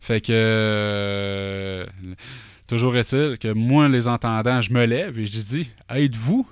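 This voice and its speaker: A man's voice: fairly low pitch, steady tone, takes it slowly, smooth, no echo, clean studio sound. A middle-aged man with a Québécois French accent, telling a long anecdote in casual chat, full of fillers and asides.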